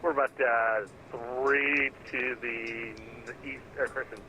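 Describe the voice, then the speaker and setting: A man's voice: medium pitch, level tone, slow, sharp tone. Man pilot calling in over the radio. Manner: hesitant, filler-heavy radio talk. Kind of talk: radio calls to air traffic control. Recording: dull muffled radio audio with faint hiss.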